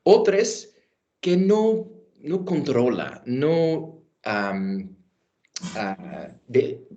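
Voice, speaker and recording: A man in his thirties with an American accent, a native English speaker giving a panel talk in halting Spanish, searching for words and mixing in English terms. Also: medium pitch, sing-song, dark tone. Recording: dull, lo-fi audio.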